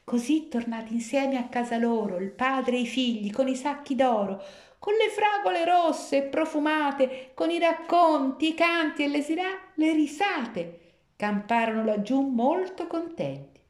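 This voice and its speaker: A woman telling a fairy tale in rhymed verse, with an expressive, sing-song reading. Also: high-pitched, measured pace. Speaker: storyteller. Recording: echoey room.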